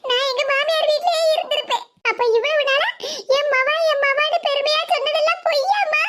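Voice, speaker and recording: A performer doing a whiny spoiled cartoon daughter, Tirunelveli Tamil accent, piercing high voice, indignant. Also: steady tone, bright, forceful tone. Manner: whining, rapid complaints.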